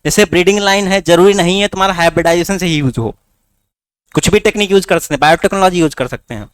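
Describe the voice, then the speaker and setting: A man's voice: sits high, fast, smooth, no room sound, studio quality. A man teaching a class with a north Indian Hindi accent, coaxing students with rhetorical questions. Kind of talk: classroom lecture.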